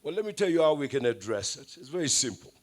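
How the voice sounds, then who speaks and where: A man's voice: mid-range voice, sing-song, fast talker. Nigerian man giving a wry event speech. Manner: anecdotal, wry, switches into Pidgin asides. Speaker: event speaker. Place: event hall.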